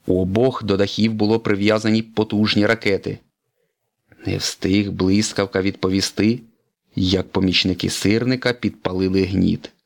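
A man narrating a children's storybook in an expressive read-aloud manner. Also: lowish voice, moderate pace, creaky.

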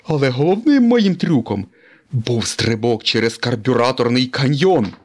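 A man voicing a boastful male tow truck daredevil in a storybook reading, in a high squealing voice with brash exclamations. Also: animated, normal speed, close to an everyday voice. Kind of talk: storybook character voice.

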